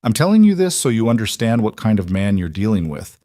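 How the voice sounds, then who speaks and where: A man voicing a haunted frontier woman who speaks in a quiet, strained and halting way. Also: on the low side, very animated, no room sound, studio quality.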